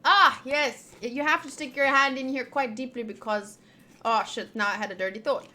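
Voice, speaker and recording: High-pitched, bright and forceful, a young woman talks at normal speed while streaming a visual novel. She keeps things casual, playful, sweary and slangy, chatting about the gameplay and reading lines aloud.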